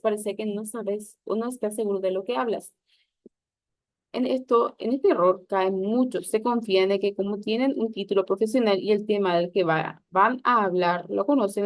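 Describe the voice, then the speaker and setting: A woman's voice: mid-range voice, no room sound. Woman teacher, instructive lesson read aloud with small slips, dry close recording. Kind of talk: reading a public speaking lesson.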